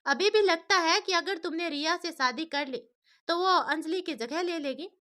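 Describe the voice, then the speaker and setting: A woman's voice: extremely high pitch, normal speed, sharp tone, voice pushed up. A woman voicing a firm older mother. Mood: pressing. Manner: firm, persuading.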